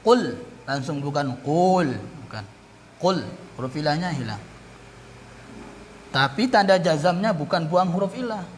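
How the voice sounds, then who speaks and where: A male teacher walks through grammar points at an unhurried, careful pace, repeating terms and pausing to correct himself. His voice sits a little high for a man. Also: expressive, slight background noise. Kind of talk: classroom grammar lesson.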